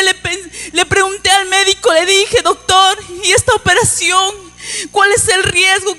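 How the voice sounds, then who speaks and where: Tearful high-voiced woman testifying. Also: bright, forceful tone. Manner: tearful, pleading, addresses listeners as brothers. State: crying at times. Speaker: church member giving testimony. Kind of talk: emotional testimony to a congregation.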